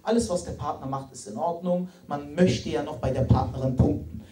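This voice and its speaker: With a fairly high, mellow voice and a slightly fast pace, a late-20s man does chatty stand-up on a hall stage, full of restarts and fillers, speaking directly to listeners. Echo fills the room, the mic is far away, and laughter rises from the crowd.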